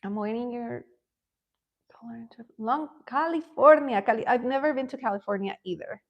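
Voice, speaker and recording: A woman's voice: a little high, normal speed, muffled recording. A middle-aged woman from Ecuador chatting casually as a livestream host, answering comments while coloring, often laughing and rambling.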